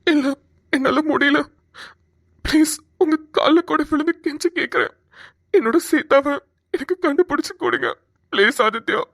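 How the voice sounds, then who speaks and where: A woman's voice: fairly high pitch, steady tone, a little fast, no room sound, clean studio sound, close to an everyday voice. A woman voicing a shy lovesick young man. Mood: pleading. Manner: soft, hesitant, pleading. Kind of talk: cartoon voice acting.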